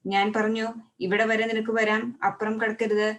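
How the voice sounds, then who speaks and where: A woman reading scripture aloud at a steady pace, often stopping to restart a word. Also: on the high side, normal speed, far from the mic. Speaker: Bible reader.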